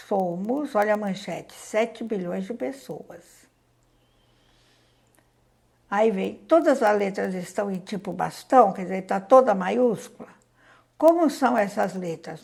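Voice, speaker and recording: A woman's voice: mid-range voice, gravelly, a little mellow, slightly rough. A Brazilian woman teacher reads out a worksheet to young pupils and explains it, patiently counting aloud and asking them questions. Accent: Brazilian Portuguese. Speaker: primary school teacher. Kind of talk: reading out and explaining a school worksheet.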